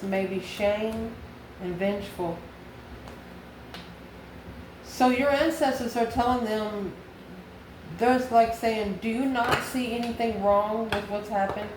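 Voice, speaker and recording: A slightly mellow, ordinary-pitched woman hosts a channel tarot reading aimed at her viewers, folksy and familiar, with terms like honey and baby and repeated phrases. Her room echoes and carries noticeable background noise.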